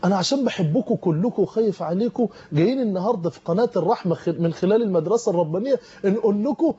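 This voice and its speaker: Fervent, fast-talking Egyptian preacher man. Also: sits high, animated, dark tone, husky, muffled recording. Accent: Egyptian Arabic. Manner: fervent, urgent warnings. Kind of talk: televised sermon. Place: television studio.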